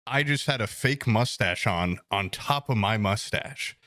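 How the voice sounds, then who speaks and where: A young man co-hosting a podcast, spinning a long joking story. His voice sits low but swings widely in pitch as he gets animated. The sound is dry and close. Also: a little slow, no room sound. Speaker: podcast co-host. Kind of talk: casual chat.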